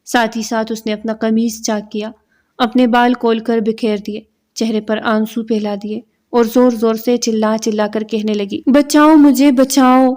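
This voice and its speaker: A woman storyteller reading a romance novel aloud in steady, even narration. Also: fairly high pitch.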